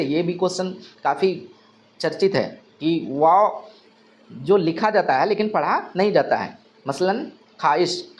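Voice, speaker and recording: A man's voice: high-pitched, muffled recording. A male teacher giving an exam-prep grammar lesson, asking questions and answering them himself, repeating key terms.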